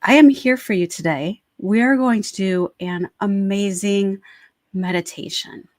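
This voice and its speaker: A woman's voice: mid-range voice, a little slow, dry recording, clean studio sound. A woman talking informally and encouragingly as a Reiki practitioner, introducing a guided meditation on a livestream.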